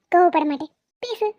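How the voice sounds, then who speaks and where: A woman voicing a jealous, dramatic young wife in an animated comedy, whiny and accusing. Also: very high voice, no room sound. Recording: dull lo-fi sound.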